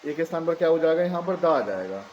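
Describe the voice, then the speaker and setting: An Indian man teaching an exam-prep grammar lesson. He explains in Hindi, reads English lines out slowly for dictation, and often asks questions he answers himself. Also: fairly high pitch, very animated, dull audio, a little hiss or hum.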